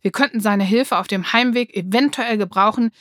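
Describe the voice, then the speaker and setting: A woman's voice: mid-range voice, normal speed, a bit bright, no echo, lightly acted. Lady doing a feisty bossy schoolgirl, impatient and cheeky, storybook reading, dry sound. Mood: challenging. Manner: challenging, impatient. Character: bold, fiery schoolgirl, bossy and challenging.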